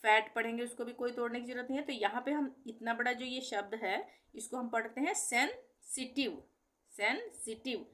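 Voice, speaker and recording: A woman's voice: on the high side, steady tone, a bit bright. Patient woman teaching pronunciation. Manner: patient, repeats example words slowly, asks and answers own questions. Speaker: language teacher. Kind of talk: explanatory lesson.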